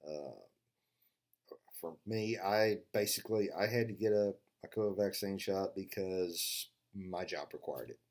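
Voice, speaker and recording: A man's voice: low voice, a little slow, a little mellow. An older man telling funny stories in a casual, rambling monologue, full of "uh" fillers and restarts, sarcastically acting out both sides of a conversation. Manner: sarcastic storyteller who acts out both sides of a dialogue. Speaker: vlogger.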